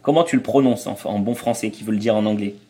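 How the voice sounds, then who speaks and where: Homme d'âge moyen qui raconte des anecdotes. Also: male voice, on the low side, fast talker, dark tone. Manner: explanatory, anecdotal, hesitant restarts. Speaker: guest, traveling parent. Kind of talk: casual interview chat.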